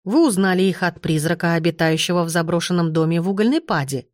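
An audiobook investigator, a stern and confident man with a cold, formal way of speaking, as a woman narrator reads him. His voice sits low and even, recorded close and dry with no room around it. He talks with clipped, businesslike certainty. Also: quick pace, no echo, close to an everyday voice. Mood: self-assured. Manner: cold, self-assured, formal.

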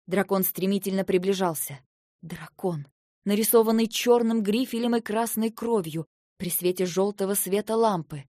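A woman narrates a first-person fantasy story at a measured pace. She is close to the microphone, and the sound is dry with no room echo. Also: mid-range voice, a little mellow. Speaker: audiobook narrator.

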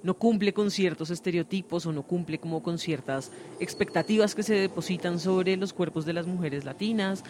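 A woman's voice: on the low side, normal speed, few pauses, background noise. A woman hosting a conversational radio interview, explaining her thoughts at length with many hesitations. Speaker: host.

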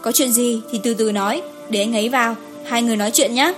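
A woman's voice: a little high, fairly even intonation, fast talker, faint music behind, lightly acted. A woman voicing a blunt, sleepy young woman friend who grumbles and then soothes, in an audiobook story. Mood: placating. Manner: brusque, complaining, placating.

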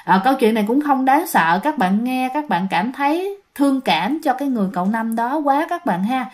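A woman storyteller tells a ghost story to her listeners. Her voice sits fairly high and jumps lively up and down. She talks straight to the audience as she goes. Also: a little fast. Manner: animated, addresses listeners directly.

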